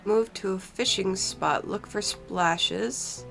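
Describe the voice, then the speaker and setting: Sitting before a green screen in her chilly basement, a young woman hosting a gaming channel plays and reads in-game text aloud, stuffy-nosed from a cold. Her medium-pitched voice is slow, gravelly, and fairly bright. A desk mic picks her up as she wears headphones, with faint music in the background.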